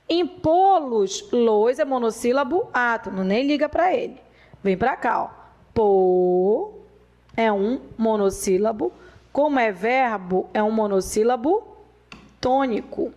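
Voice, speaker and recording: A woman teaching a grammar lesson, repeating rules slowly and drilling them aloud. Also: a little high, a little mellow, lo-fi sound. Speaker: Portuguese teacher.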